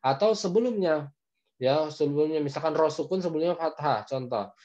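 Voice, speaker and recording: A man with an Indonesian accent teaching Quran recitation in an online class, patiently explaining and slowly demonstrating letter sounds over a video call. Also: on the high side, darkish tone, muffled recording.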